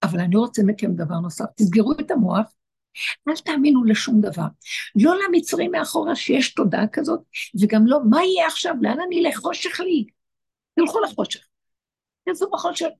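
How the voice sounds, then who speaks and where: A woman voicing God, high and urgent. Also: lively intonation, vocal fry, darkish tone. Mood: urgent commanding. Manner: urgent, repeated commands. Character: God, commanding and urgent, speaking to Moses.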